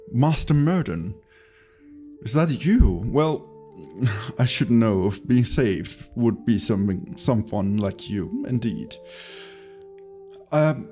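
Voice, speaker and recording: Guy doing a courteous half-orc, bit hesitant, slow, fantasy tabletop game. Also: medium pitch, dark tone. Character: courteous male half-orc, grateful to a wizard.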